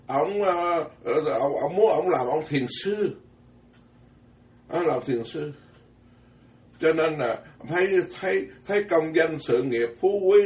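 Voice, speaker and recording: A man giving a folksy, animated Dharma talk as a Buddhist monk, joking and repeating words as he goes. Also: on the high side. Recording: echoey hall from far off.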